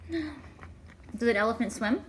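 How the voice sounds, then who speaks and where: A woman patiently coaxing a small child at home, asking simple questions in a gentle, sing-song way and prompting the child to repeat words after her. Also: a little high, lively intonation, slow, slight background noise. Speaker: caregiver teaching a toddler. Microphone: hidden camera.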